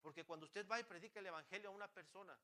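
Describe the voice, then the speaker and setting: A man's voice: high-pitched, very fast, pushed and bright. A man preaching a sermon as pastor. He talks fervently, asks the congregation many rhetorical questions and often restarts his phrases. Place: church.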